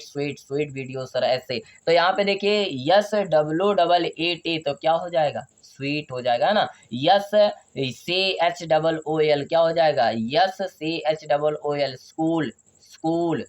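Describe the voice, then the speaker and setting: A male teacher giving a video lesson on pronunciation. He asks a question, answers it himself, and spells letters out slowly before saying each word. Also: on the high side. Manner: drills by asking questions and answering them himself. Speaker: English teacher.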